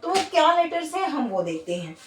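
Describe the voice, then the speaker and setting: A woman's voice: sits high, sing-song, roomy sound, distant mic. A woman teaching a phonics lesson. She sounds out letters one by one and keeps checking in with "ठीक है?". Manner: sounds out letters slowly, asks "ठीक है?" after each point. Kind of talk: classroom-style phonics lesson.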